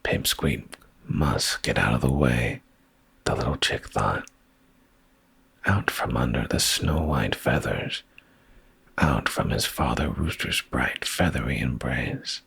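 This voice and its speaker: In a deep, gravelly, breathy voice that often drops to a whisper, a man softly reads a bedtime story ASMR-style, close to the mic. He sounds drowsy and soothing yet expressive, speaking slowly in a dry recording.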